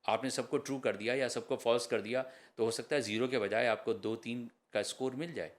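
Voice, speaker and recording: A man's voice: mid-range voice, fairly even intonation. A man, an IELTS trainer, answering podcast questions in an explanatory way and slipping English terms into his talk.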